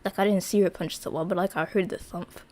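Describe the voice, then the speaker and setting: A woman's voice: fairly low pitch, fairly even intonation, fast, warm tone. A young woman streaming live, telling a story to her chat in a rambling, casual way with lots of fillers and restarts. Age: young adult.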